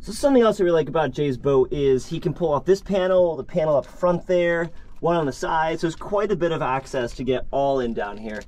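A man's voice: a little high, expressive, brisk, a little mellow, a little hiss or hum. A man hosting a vlog, giving a casual, upbeat tour inside a sailboat cabin and talking straight to his viewers.

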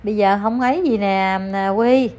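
A woman's voice: mid-range voice, moderate pace, a little mellow. Emphatic woman gossiping. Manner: emphatic, repetitive, scolding. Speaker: online commentator addressing viewers. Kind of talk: casual gossip commentary. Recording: slightly dull lo-fi audio with faint ambience.

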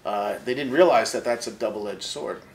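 In a casual bookstore interview, a man in his sixties who is an author and long-haul trucker tells stories in a wry, easygoing way, his voice drifting quieter as he goes on. He sits in an armchair wearing a lapel mic, speaking at normal speed with a fairly low pitch. The recording is low quality with slight background noise.

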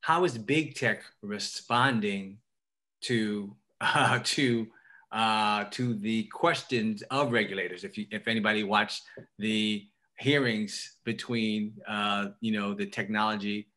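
A middle-aged man with a Queens accent gives remarks on a group video call. His voice is fairly low and forceful. He speaks haltingly, restarting phrases and posing rhetorical questions. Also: fairly even intonation. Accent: New York, Queens. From Queens, New York. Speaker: state legislator, guest speaker. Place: indoor room at home, on a video call.

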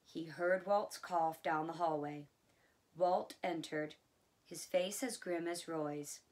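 A woman reading a biography aloud in a relaxed way, adding chatty asides of her own. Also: low voice, slow. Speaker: audiobook reader.

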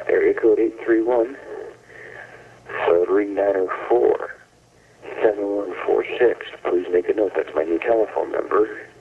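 A man deliberately dictating details in an answering machine message over a noisy telephone line. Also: fairly low pitch, gravelly. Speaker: caller leaving a phone message. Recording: tinny, noisy, distant answering machine tape.

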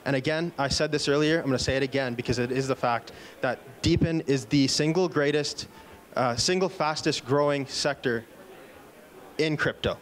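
This is an upbeat keynote about a product, given by a man in his thirties into a handheld microphone. His voice is medium-pitched at normal speed, and a few fillers and restarts creep in as he speaks from an indoor conference stage in a large event room.

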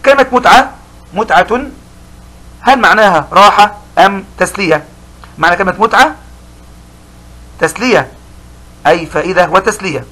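A middle-aged man teaching a school language lesson, explaining slowly and repeating key words for young pupils. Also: high voice, sharp tone, low-quality recording.

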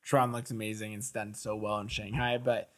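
A man's voice: lowish voice, normal speed. A man in his thirties co-hosting a podcast, chatting casually and jokily at a desk mic in a small studio. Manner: animated, gestures a lot, jokey. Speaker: podcast co-host. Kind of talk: casual chat. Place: small studio set, indoors. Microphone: desk mic on stand.

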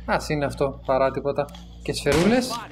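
A man's voice: a little high, big pitch swings. A man giving casual, joking gameplay commentary, swearing now and then and dropping in English game terms, with game music underneath. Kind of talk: casual Greek let's-play commentary.

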